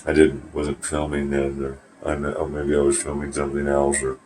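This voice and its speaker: Speaking at a moderate pace with a rumbling low, darkish voice and a completely flat delivery, a man vlogs into his phone camera. He's in a small warm bathroom at home, rambling casually, swearing, and turning sarcastic.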